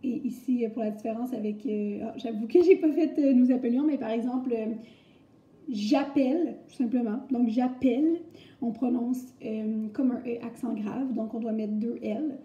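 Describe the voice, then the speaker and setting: A woman's voice: on the high side, fairly even intonation, normal speed, hardly any pauses, dark tone. A young woman with a Québécois French accent giving a recorded grammar lesson, explaining step by step in a chatty way with many fillers. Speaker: French teacher. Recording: echoey, muffled room recording.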